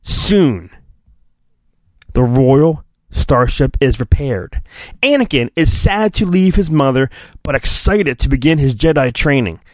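A solo podcast host gives a mock-dramatic reading of a children's storybook in a mid-range, animated voice, recorded dry. He's theatrical, drawing out his emphasis and tossing in flippant asides.

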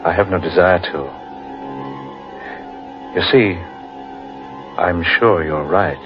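A man playing a dreamy, cautious, brooding gentleman in 1940s radio horror, speaking in a hesitant, musing way. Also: low-pitched, slow. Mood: cautious, ominous. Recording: muffled old radio recording, music behind.

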